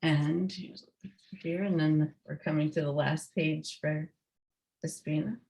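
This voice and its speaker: A woman's voice: deep voice, fairly even intonation, a little slow, gravelly, a little mellow, low-quality recording. A woman reading her children's book aloud on a video call, adding short explaining asides.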